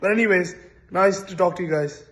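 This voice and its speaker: Very high-pitched male football fan. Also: a little fast, fairly bright tone. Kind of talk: casual self-recorded reaction.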